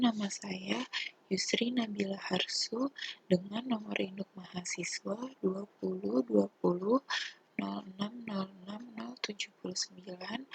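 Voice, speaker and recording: A young adult woman with an Indonesian accent gives a formal, methodical student presentation explaining a topic. Her mid-range voice is creaky and slightly rough, and the recording is rough.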